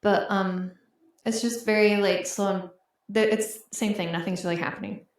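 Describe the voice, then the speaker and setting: A chatty woman co-host who rambles through her thoughts with plenty of "um" and "like". Her voice sits at an ordinary pitch and bounces around a very echoey room. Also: steady tone, moderate pace. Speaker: podcast co-host. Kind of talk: casual chat.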